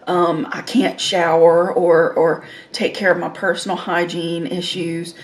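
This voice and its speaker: Slow-talking woman eating on mic. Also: fairly low pitch, flat delivery. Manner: eating while talking, with savoring mms between phrases. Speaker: mukbang host. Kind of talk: casual eating-show chat.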